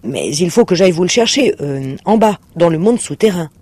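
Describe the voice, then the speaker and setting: A bewildered insurance agent, polite but trying to stay firm, as a male reader plays him. The voice is a touch high, earnest and a little flustered. It comes from a storybook reading. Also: lively intonation, moderate pace, darkish tone, husky, no echo. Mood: uneasy. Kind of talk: audiobook reading.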